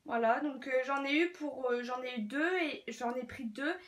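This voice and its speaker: A chatty young woman from France talks through her latest shopping haul at home. Her voice sits high and bright, and she rambles along with fillers and stumbles. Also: normal speed. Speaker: beauty vlogger. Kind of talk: casual haul video chat.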